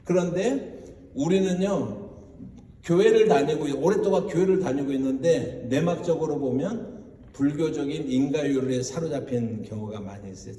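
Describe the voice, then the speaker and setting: A male pastor giving an animated sermon in a church, questioning his congregation and mimicking voices as he goes. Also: on the high side. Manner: animated preaching, mocking quoted voices, asks the congregation questions. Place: church sanctuary. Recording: roomy hall, voice from far off.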